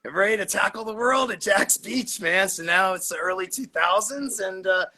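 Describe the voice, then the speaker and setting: This guest, a forties-aged cannabis grower from Florida, chats casually on a podcast, recounting his story easygoingly with laughter and swearing. His high voice is bright and forceful with a breathy edge, moving at normal speed.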